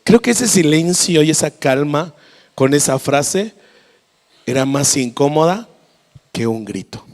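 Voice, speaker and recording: A Mexican man preaching a lively, story-filled sermon as pastor, with a Mexican Spanish accent, in a church. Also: on the high side, unhurried, long reverb tail. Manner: lively, storytelling, acts out voices.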